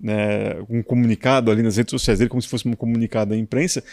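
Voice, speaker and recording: A man's voice: mid-range voice, level tone, fast talker, a little mellow, dry recording, clean studio sound. A man from Brazil, a motorsport journalist, telling anecdotes in casual conversation with colloquial asides.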